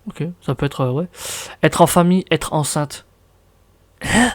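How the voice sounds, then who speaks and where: A man's voice: fairly high pitch, lively intonation, unhurried. A young man from France with a French accent, chatting casually in a vlog, reading out words and reacting with surprise. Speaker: vlogger.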